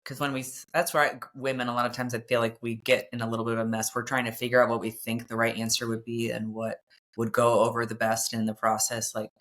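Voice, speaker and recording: A woman's voice: a bass voice, level tone, fast, a bit bright. Reflective woman podcast host. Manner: reflective, speaks to women listeners; chatty with many fillers. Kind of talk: candid conversation with her husband.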